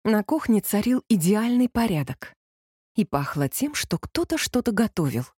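Woman reading a novel aloud in first person, wry and even, kinda husky, dry close sound. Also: mid-range voice, normal speed, dry recording. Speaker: audiobook narrator.

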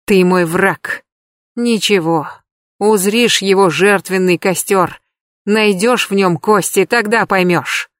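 A woman's voice: mid-range voice, slow, no echo, clean studio sound, natural voice. Woman voicing a cold, vengeful fanatic mother. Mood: menacing. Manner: hollow, menacing.

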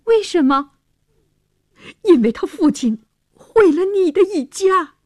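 A woman voicing an angry young man who bitterly confronts his sister in a told story, her voice climbing and getting louder as he accuses. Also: very high-pitched, expressive, slow, no echo, studio quality, voice pushed up, heavily acted. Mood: furious.

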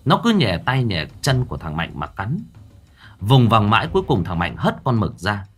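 A man's voice: on the low side, sing-song, normal speed, fairly bright tone, slightly rough. A man narrating a ghost story audiobook in a dramatic way.

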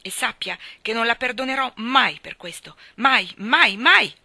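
A woman reading aloud, voicing a fierce red-haired orphan girl who shouts in indignant outbursts. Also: lowish voice, sing-song, fairly quick, slightly rough, no room sound, full character voice.

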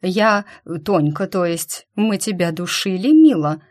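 A woman voicing a stubborn, fussy middle-aged witch mother with a chatty, slightly husky voice. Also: on the low side, expressive, measured pace, a little mellow.

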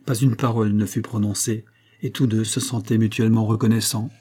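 Man reading a novel aloud, steady pace, mellow and a bit husky. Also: lowish voice, a little fast. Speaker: audiobook narrator. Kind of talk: scripted narration.

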